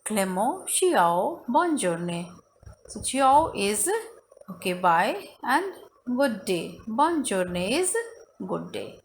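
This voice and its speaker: A woman teacher reading workbook exercises aloud word by word and translating, haltingly switching between French and non-native, broken English. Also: medium pitch, big pitch swings, a little hiss or hum, poor audio.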